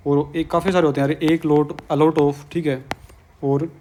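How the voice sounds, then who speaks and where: A man's voice: on the high side, flat delivery, measured pace, a little mellow, a little hiss or hum. A man with a Hindi accent teaching an exam-prep English grammar lesson, coaxing students and repeating his questions.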